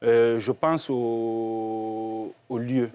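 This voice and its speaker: A man being interviewed on a TV studio set as a comedian, speaking in a measured, reflective way with hesitant restarts. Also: medium pitch, level tone, a little mellow. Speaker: comedian guest on a TV show.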